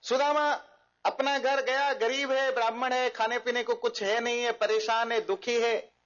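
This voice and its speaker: High-voiced man telling epic stories. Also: normal speed. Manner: animated, mixing English words into Hindi. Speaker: spiritual speaker. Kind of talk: storytelling talk. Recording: dull lo-fi recording.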